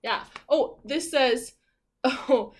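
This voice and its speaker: With a high voice, a woman teacher reads a picture book aloud to children. She is expressive and encouraging, stopping now and then to ask her listeners questions.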